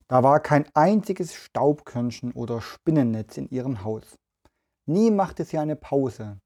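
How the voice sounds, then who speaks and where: A man hosting a podcast for children and reading a story aloud in a gentle, even way. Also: mid-range voice.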